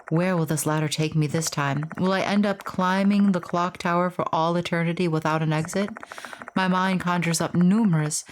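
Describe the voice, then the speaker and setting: Lower-pitched woman narrating a horror game. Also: a little hiss or hum. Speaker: gaming video host. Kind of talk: horror game commentary and read-aloud narration. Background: music.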